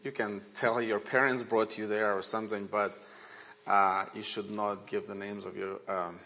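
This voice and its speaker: Preaching as a guest, a man in his forties whose native language is Ukrainian speaks with a Ukrainian accent, blending his own testimony into the sermon in an earnest, measured way. His pitch is fairly low and his delivery flat, yet his tone is bright and forceful.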